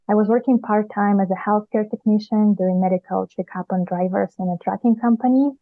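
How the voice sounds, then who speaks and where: A woman from Ukraine answering on a podcast panel in a careful, deliberate way. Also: medium pitch, dry recording. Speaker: MBA student panelist. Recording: phone-like remote recording.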